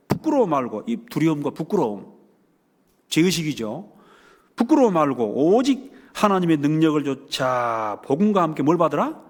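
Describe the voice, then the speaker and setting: A middle-aged man with a Jeolla accent preaches in a church sanctuary, his fairly high voice swinging up and down with lively emphasis. He jokes and fires rhetorical questions at the congregation. A long reverb from the hall hangs behind every word. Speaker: pastor. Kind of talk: sermon.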